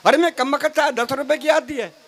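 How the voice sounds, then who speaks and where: With a live crowd behind him and a stage mic in front, a comedy poet rattles through comic verse at a fairly quick clip, trading mock dialogue in his stories and teasing his fellow poets. His voice is very high, gravelly, and fairly bright.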